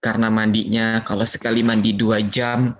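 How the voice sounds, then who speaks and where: A man's voice: fairly low pitch, flat delivery, moderate pace, a little hiss or hum. A man telling a playful story lesson to children, acting out knocks and sounds with little chuckles. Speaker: children's religious teacher. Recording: dull lo-fi recording.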